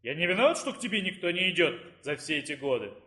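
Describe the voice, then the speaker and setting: A man reading the part of a weary, stubborn male dean of a dark faculty in an audiobook, grumbling and bitter. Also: a little high, sing-song, quick pace. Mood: resentful.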